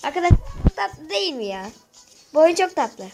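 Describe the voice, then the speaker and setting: A woman with a very high voice and a sore throat talks her viewers through a game in a loose, chatty way. She keeps turning to the audience as friends while she plays, and faint game music sits in the background. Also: very animated, a little fast, a little mellow, low-quality recording. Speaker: gaming channel host. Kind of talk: casual gameplay walkthrough.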